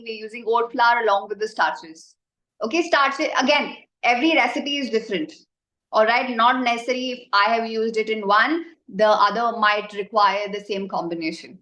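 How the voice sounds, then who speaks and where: Leading an online baking session live, an Indian-accented instructor explains things in a chatty, informal way, frequently turning to the group to answer their questions. She has a slightly high, bright voice with a forceful edge, captured in an echoey, spacious room.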